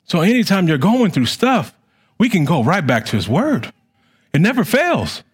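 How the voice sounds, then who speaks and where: A middle-aged man preaching a sermon as pastor, with a fervent, repetitive cadence that swells loud and drops to quiet. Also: high-pitched, wildly swooping pitch, moderate pace, husky.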